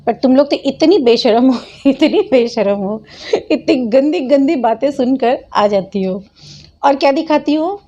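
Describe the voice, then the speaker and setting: High-voiced woman mocking and scolding. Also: animated, unhurried, mellow, lo-fi sound. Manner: scolding, mocking, laughs often. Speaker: channel host. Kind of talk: mocking reaction commentary.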